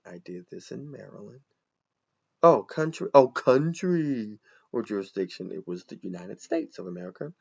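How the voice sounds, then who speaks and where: Gravelly man chatting through a walkthrough. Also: low-pitched, a little mellow, highs cut off. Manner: chatty, thinks aloud, addresses viewers as y'all. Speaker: accountant. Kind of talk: casual screen walkthrough.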